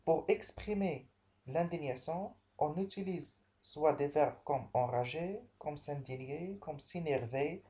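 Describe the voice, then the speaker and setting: A man teaching a remote language lesson, explaining slowly and repeating himself, with frequent restarts. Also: a little high, dark tone. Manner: slow, repetitive explaining with many restarts. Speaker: French teacher.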